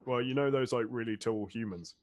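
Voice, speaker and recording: A man's voice: mid-range voice, brisk, darkish tone, a little hiss or hum. A man playing an orc in a tabletop game, brash and blunt in casual in-character talk.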